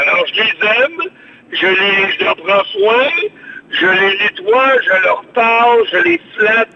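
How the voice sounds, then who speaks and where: An older man with a Québécois French accent, chatting expansively on the radio by phone and repeating his words. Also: high voice. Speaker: radio show host on the phone. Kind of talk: casual radio chat. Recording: dull lo-fi phone line with faint noise.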